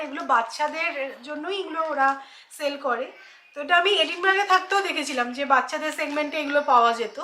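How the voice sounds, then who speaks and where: A woman in her thirties walks her viewers through a kitchen shopping haul in a relaxed, chatty way. Her voice sits high and bright. The room around her echoes, with a faint hum of noise. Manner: chatty, explains items to viewers. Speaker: lifestyle vlogger. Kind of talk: casual shopping haul chat.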